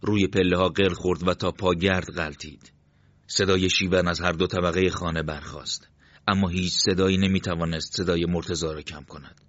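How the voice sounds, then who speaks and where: A man reading a story aloud as narrator, in a measured storytelling manner. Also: low voice, fairly even intonation, a bit bright, no room sound. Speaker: audiobook narrator. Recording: dry, slightly dull lo-fi sound.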